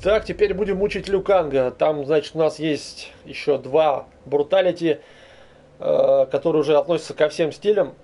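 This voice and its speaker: A man's voice: a little high, moderate pace, mellow. A young man giving informal, slangy gameplay commentary, muttering to himself over game sounds. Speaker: gamer commentating own play. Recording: faint noise, game sound behind. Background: fighting game sounds.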